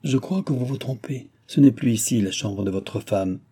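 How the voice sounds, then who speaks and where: A proud young woman who answers curtly and with resolve, read by a man. The voice sits a little higher than his narration, dark and husky. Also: normal speed. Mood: scornful. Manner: curt, clipped replies.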